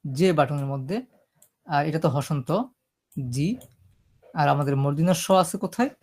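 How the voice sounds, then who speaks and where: A man teaching a screen-recorded typing lesson, explaining each step slowly and checking that his listeners are following. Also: a little high. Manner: explains step by step, often checking "ঠিক আছে?". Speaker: computer typing instructor.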